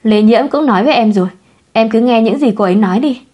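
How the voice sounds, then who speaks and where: A carefree playboy man jokes and teases in a breezy, lightly self-mocking way, as a woman reads him out. The voice is mellow and warm with a husky grain, pitched a little above the narration. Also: fast, close to an everyday voice. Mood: teasing. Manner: breezy, teasing.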